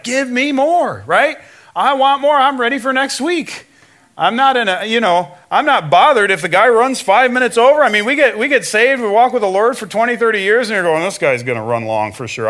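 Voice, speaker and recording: A man's voice: high-pitched, bright, forceful tone. A man giving a conversational sermon as a substitute pastor in a church, full of "you know" and "right?" asides, acting out quoted lines. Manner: acts out quoted lines in shifting voices.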